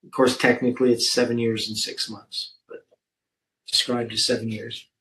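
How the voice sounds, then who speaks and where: A man's voice: mid-range voice, flat delivery, normal speed, a bit bright, a little hiss or hum, low-quality recording. A man leading a Bible study discussion, thinking aloud with many fillers and reading scripture verses aloud.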